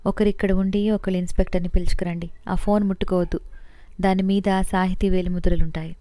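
A woman voicing a cold, calculating young woman who speaks calmly and with control. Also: medium pitch, fast, no echo, natural voice. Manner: calm, controlled.

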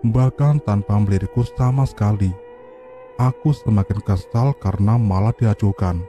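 A man narrating a horror story in a low, dark and mellow voice. He reads in a steady, even way, with faint music playing under the narration. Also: normal speed. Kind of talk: scripted narration.

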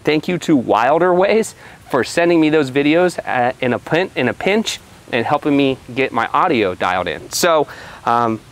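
A man's voice: medium pitch, expressive, normal speed. A man in his thirties giving a casual product review to camera outdoors, recorded on a poor microphone with hiss. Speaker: vlogger reviewing gear. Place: outdoors at an open car tailgate.

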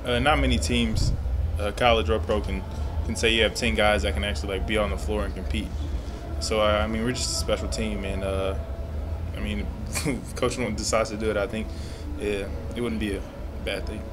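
A young college basketball player answering reporters in a relaxed, easygoing way after a game. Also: male voice, on the low side, normal speed. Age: young adult. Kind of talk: postgame press interview. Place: small room before a sponsor backdrop. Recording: noisy background.

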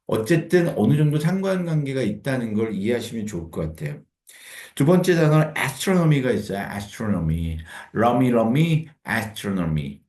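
A man teaching English pronunciation with a Korean accent, repeating words and syllables slowly so learners can copy them. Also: mid-range voice, darkish tone, reverberant. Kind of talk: pronunciation lesson.

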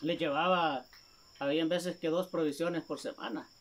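A man, a vlogger speaking casually to his viewers in a gravelly voice, rambling and repeating himself as he recounts a conversation. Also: a little high, steady tone, normal speed. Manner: rambling, repeats "me dice" often.

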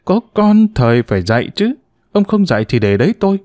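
A man's voice: medium pitch, big pitch swings, brisk, darkish tone, no room sound, studio quality, close to an everyday voice. A man reading a story, voicing a blunt, abusive older grandmother who scolds in a raised voice. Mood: shrill scolding. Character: sharp-tongued older village grandmother, scolding.

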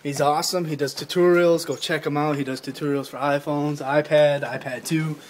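Chatting to camera on a phone at arm's length, this young adult man rambles through a casual vlog, full of fillers and false starts. His voice is a little high, with a steady tone and moderate pace.

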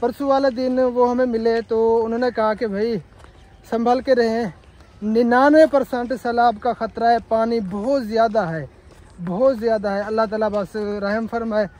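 A Pakistani man vlogs casually from a village, holding his phone at arm's length as he walks through rural fields and a courtyard. His voice is extremely high and a little mellow, with fairly even intonation and a moderate pace. Chatty and pious, he shows things to his viewers.

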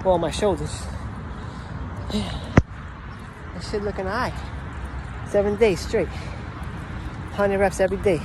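A man in his thirties talks off the cuff like a fitness trainer vlogging between sets. His speech is casual and salty. The phone recording is made in an open park with loud urban noise around him. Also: high voice, slow, pauses often. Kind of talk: casual workout vlog chat, cursing. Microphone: handheld phone at arm's length. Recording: noisy outdoor phone recording, urban ambience.

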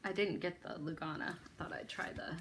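A woman's voice: on the low side, steady tone, a little fast, a bit bright, slight background noise. A woman hosting a needlework video, chatting casually about her stitching projects in a rambling, self-deprecating way. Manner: rambling, self-deprecating, lots of ums and restarts.

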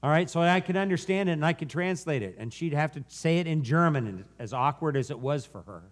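A man preaching a sermon, earnestly telling a story that moves from animated to hushed. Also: on the high side, brisk. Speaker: guest preacher.

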